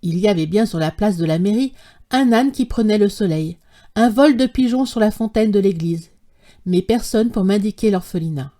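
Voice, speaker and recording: A woman narrating a classic short story as an audiobook, in a measured, literary reading style. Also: mid-range voice, expressive, dark tone.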